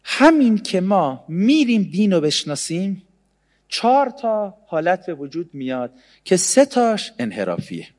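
A man giving a humorous sermon, sarcastic, swinging between loud and hushed delivery. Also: sits high, huge pitch swings, big-room sound. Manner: sarcastic, mimics others in mocking voices. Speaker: religious speaker.

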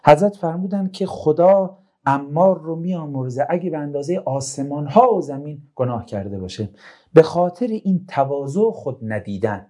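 A man's voice: on the high side, expressive, dark tone. A man giving an informal religious talk full of stories, chatting and joking with his listeners in between. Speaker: religious speaker.

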